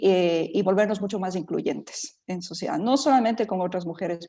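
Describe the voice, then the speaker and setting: A woman's voice: lowish voice, creaky, warm tone. A middle-aged woman from Ecuador speaking as a panelist in an online talk, thoughtful, with many fillers and restarts.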